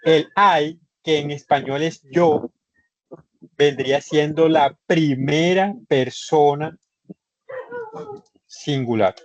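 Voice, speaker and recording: Slow, patient man teaching online. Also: on the high side, no room sound. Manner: patient, repetitive step-by-step explaining. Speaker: English instructor. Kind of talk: online class lecture. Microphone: computer microphone in a video session. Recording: slightly muffled online session audio.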